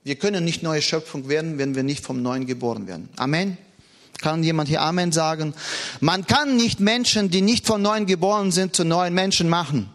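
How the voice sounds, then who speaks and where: A man's voice: moderate pace, a bit bright. A man preaching a sermon in an earnest, emphatic way, with a foreign accent. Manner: earnest, emphatic, rises and drops in pitch.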